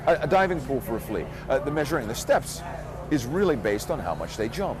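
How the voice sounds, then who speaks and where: A man's voice: medium pitch, very animated, a little fast, over music. A man who works as a flea circus showman giving earnest, reflective answers in a casual interview. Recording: outdoor recording amid crowd chatter. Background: crowd and street noise outdoors.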